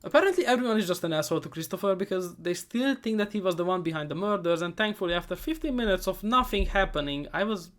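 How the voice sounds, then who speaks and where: A man giving a comedic movie recap, sarcastic and profane, rambling and often trailing off into quieter asides. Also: high-pitched, expressive, quick pace, hardly any pauses. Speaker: movie reviewer.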